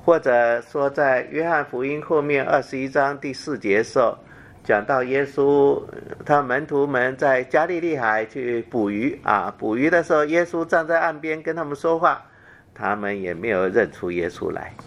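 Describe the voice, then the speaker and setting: A man preaching a Bible teaching sermon, talking haltingly with fillers and repeated phrases, and dropping softer to read the scripture quotes. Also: medium pitch.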